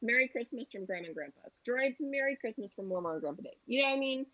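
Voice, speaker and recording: A woman's voice: a little high, expressive, fast talker, a bit bright, lo-fi sound. A woman in her thirties, a travel agent guest, chatting casually and acting out quotes as she tells stories. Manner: chatty storyteller who acts out quotes. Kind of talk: casual chat.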